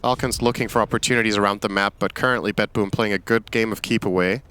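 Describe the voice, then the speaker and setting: A man's voice: on the low side, fairly even intonation, fast talker, a bit bright, clear, resonant tone. A man casting a live esports match in a dry, matter-of-fact analyst manner. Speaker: esports caster.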